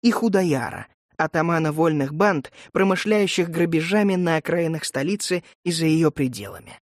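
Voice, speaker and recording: Brief: male audiobook narrator, measured delivery, slightly high, dry studio sound. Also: expressive, no echo.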